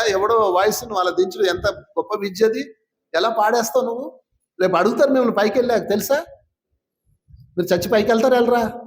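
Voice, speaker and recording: A man, a spiritual teacher, giving an informal talk to a live audience. He quizzes and teases his listeners as he goes. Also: sits high. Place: gathering hall with an audience. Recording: roomy, echoing hall sound.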